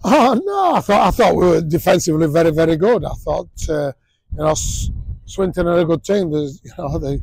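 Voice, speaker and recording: Gravelly, husky coach. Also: male voice, fairly high pitch, lively intonation, fairly quick, darkish tone, no echo, poor audio. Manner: blunt, frequent fillers and restarts. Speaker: rugby league head coach. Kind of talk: post-match interview. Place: outdoors at a sports ground.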